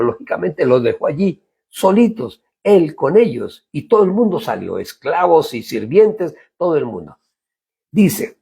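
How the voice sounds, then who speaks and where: A male pastor preaching a sermon, slow and lively, often asking his listeners to imagine the scene and pausing with hesitations. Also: a little high, creaky, slightly rough.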